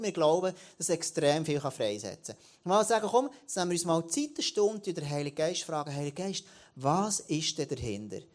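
Animated preacher man. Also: high voice. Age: late 30s. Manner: animated, frequent restarts and repeated words. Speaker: church leader. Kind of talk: sermon.

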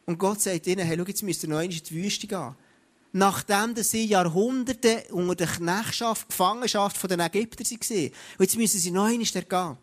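A man's voice: high-pitched, brisk. A man preaching a sermon, speaking straight to his listeners and often starting over with "hey, schau". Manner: addresses listeners directly with repeated "hey, schau" and frequent restarts.

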